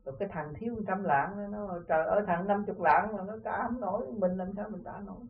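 A Southern Vietnamese man with a high voice for a man teaches disciples in an earnest, conversational way, telling parables and checking that they follow. The sound is thin and phone-like, picked up from some distance away, as on an old tape recording. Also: a little fast, vocal fry. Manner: earnest, repeatedly asks "see?". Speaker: spiritual teacher. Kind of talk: informal dharma talk with parables.

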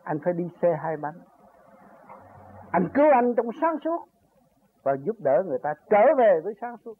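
A man's voice: high voice, very animated, moderate pace. An older man giving an earnest, rambling spiritual talk that rises to emphatic peaks as he recounts his own journey. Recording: tinny phone-like recording with faint noise.

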